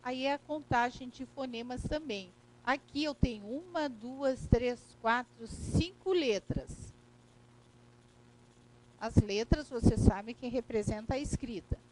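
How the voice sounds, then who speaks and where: A woman's voice: fairly high pitch, takes it slowly, darkish tone, low-quality recording. A woman with a Brazilian Portuguese accent teaching a recorded grammar lesson, explaining step by step and checking in with "né?" and "correto?".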